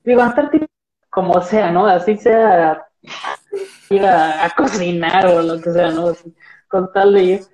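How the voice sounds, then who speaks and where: A young man with a Mexican Spanish accent, a marine biologist guest chatting in a relaxed, rambling way with many fillers over a video call from a small room. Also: high voice, unhurried, poor audio. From central Mexico. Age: young adult. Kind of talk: casual video-call interview chat. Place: small indoor room with plain wall. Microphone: laptop video call.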